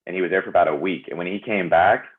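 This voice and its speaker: A man's voice: deep voice, very fast. A man who works as an actor, chatting as an interview guest in an upbeat way, filling his speech with "like", heard over a remote call. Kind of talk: casual interview chat. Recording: tinny phone-like call audio.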